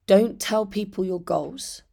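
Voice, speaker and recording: A British woman in her thirties with a hoarse, rusty voice, chatting candidly and casually as a solo podcast host. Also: medium pitch, slow pace, mellow. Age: 30s. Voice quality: hoarse, rusty, partly lost voice. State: hoarse after losing voice.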